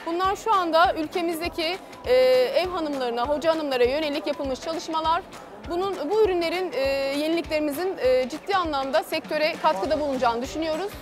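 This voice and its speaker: A woman representing her company at a trade fair booth, speaking hesitantly with filler pauses. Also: sits high, over music.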